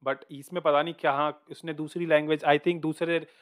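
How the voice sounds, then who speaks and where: Slightly high-voiced man reacting casually. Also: flat delivery, a little fast. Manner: mixes Hindi and English, calls the listener bro, hesitant fillers. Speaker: music reaction video host.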